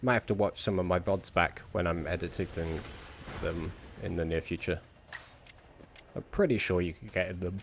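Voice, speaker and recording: A man's voice: deep voice, moderate pace, a little hiss or hum. A man streaming a video game, thinking aloud in casual commentary as he plays. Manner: thinking aloud, muttering to himself.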